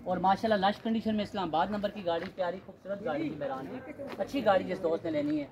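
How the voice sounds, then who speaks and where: A man, walking a used-car lot and pitching cars in a steady, repetitive salesman patter. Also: fast, crowd noise. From Pakistan. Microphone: handheld phone camera. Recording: noisy outdoor lot.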